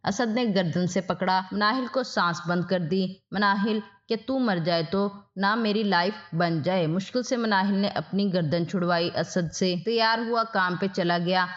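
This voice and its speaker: A woman storyteller giving a steady, scripted narration of a moral tale. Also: mid-range voice, hardly any pauses. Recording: dull lo-fi audio.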